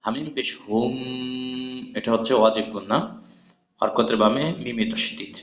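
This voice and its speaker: A man teaching a Quran recitation class, patiently spelling out letters and vowel marks, then chanting the words slowly. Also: on the low side, steady tone, a bit bright. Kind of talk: spoken lesson with chanted examples. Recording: echoey, dull lo-fi room recording.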